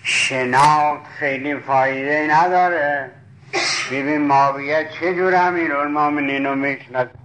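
A man's voice: on the high side, fairly even intonation, a bit bright, slight background noise, rough recording. A man preaching a sermon, retelling stories with quoted dialogue and fondly addressing his listeners. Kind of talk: sermon storytelling.

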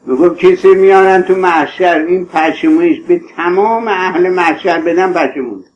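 Male preacher, high voice, fervent pleading sermon delivery. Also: highs cut off, slight background noise. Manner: impassioned, pleading, addresses listeners tenderly.

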